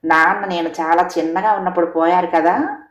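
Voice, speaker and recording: A weary farmer son, voiced by a woman storyteller, asking quiet questions in an audio storybook. The voice stays fairly low. The room gives it a noticeable echo. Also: fairly even intonation, fairly quick, lo-fi sound, lightly acted. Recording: echoey room.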